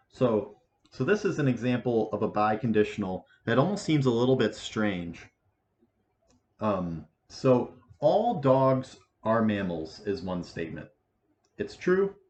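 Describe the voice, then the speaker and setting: A man in his twenties giving a casual math lesson, with a halting delivery full of restarts and fillers. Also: medium pitch, a little mellow. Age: 20s. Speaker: math teacher. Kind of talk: casual lecture. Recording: echoey room, dull lo-fi sound, faint hiss.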